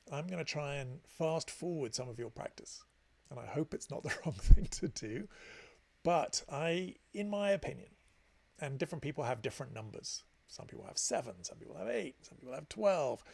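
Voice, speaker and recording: Gravelly-voiced man teaching a meditation class. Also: fairly high pitch, a little mellow. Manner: chatty storytelling with self-deprecating asides; gives friendly explanations with frequent restarts. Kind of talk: informal class talk.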